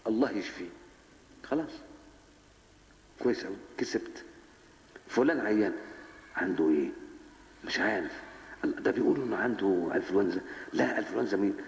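A man's voice: on the low side, a little mellow. A man with an Egyptian Arabic accent preaching a Ramadan lesson in a mosque, who keeps prompting his audience with rhetorical questions. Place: large mosque hall. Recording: echoey mosque hall, dull 1980s recording.

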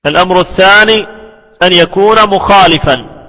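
A male scholar giving a slow, deliberate classroom lesson on hadith terminology, repeating phrases so students can write them down. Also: high voice, pushed and bright, in a large hall, rough recording. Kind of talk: slow classroom lecture with repetition for dictation.

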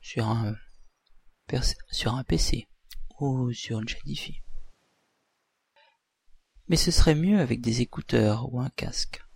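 A man, a hypnotherapist leading a relaxation session in a deliberate, soothing, breathy voice with pauses. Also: medium pitch, no echo. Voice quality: breathy, husky, at times near whisper.

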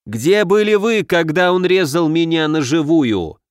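A man voicing a cowardly merchant turned into a bone-armored undead monster, talking in a shrill, pleading, desperate way in an audiobook. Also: animated, unhurried, clean tone, no room sound, studio quality. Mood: bitter accusing. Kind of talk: audiobook narration.

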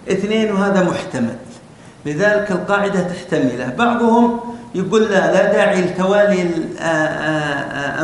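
A male teacher explaining spelling rules step by step to a class, often asking them questions. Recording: very echoey room with faint rumble.

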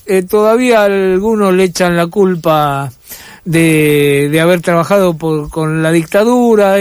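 A man's voice: high voice, clear, resonant tone, dry recording. A middle-aged man with a Rioplatense accent, hosting a casual radio chat and talking reflectively with many hesitations. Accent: Rioplatense Spanish. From Argentina. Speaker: radio host. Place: radio studio.

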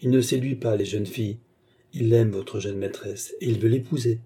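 A man's voice: lowish voice, fairly even intonation, moderate pace, slightly rough. A man reading the lines of a kindly, reassuring old former hussar captain. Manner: gentle, reassuring.

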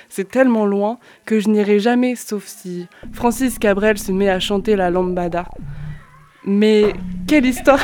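A woman's voice: mid-range voice, dark tone. A woman reading surreal, free-associating poetic text in a playful, dreamlike way on a small event radio. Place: makeshift radio at a summer gathering.

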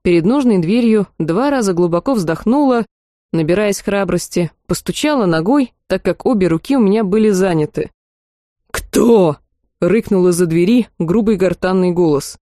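A woman narrating a first-person fantasy audiobook in a lively, wry storytelling manner. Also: mid-range voice, normal speed, no echo, clean studio sound.

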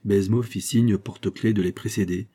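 A male audiobook narrator with a low, husky voice. He reads in a measured, even way. His tone is dark and mellow.

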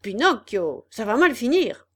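A woman's voice: fairly high pitch, big pitch swings, measured pace, breathy edge, heavily acted. A woman voicing a rowdy gang of schoolboy bullies who jeer and threaten, in a storybook reading. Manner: loud threatening jeers.

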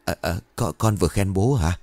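A man's voice: sits low, moderate pace, darkish tone, no room sound. A man voicing a frightened old father who whimpers and pleads, in a told ghost story. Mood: whimpering.

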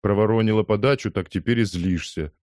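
A man's voice: fairly low pitch, a little fast, darkish tone, no echo, studio quality, lightly acted. A man voicing a shy, lovesick young working man who mumbles bashfully.

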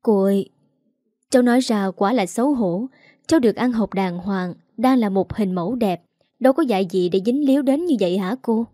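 A woman's voice: mid-range voice, a little fast, warm tone, dry recording, studio quality, lightly acted. A woman voicing a young female model who pleads, stammers and sobs. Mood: pleading tearful.

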